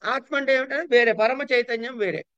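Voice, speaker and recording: A male teacher lectures on yoga philosophy with a high, ringing voice. He keeps asking his listeners questions and then answering them himself, with a lively delivery. The sound is close and dry. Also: a little fast, no echo, muffled recording. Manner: asks and answers his own rhetorical questions; lively, acts out everyday voices in quotes. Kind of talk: classroom lecture.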